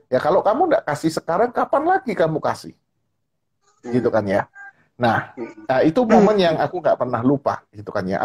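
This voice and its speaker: A man speaking as a guest on a live-stream chat, telling a personal story in an animated way and often repeating a filler tag. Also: fairly high pitch, husky. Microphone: live-stream call. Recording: online live-stream audio.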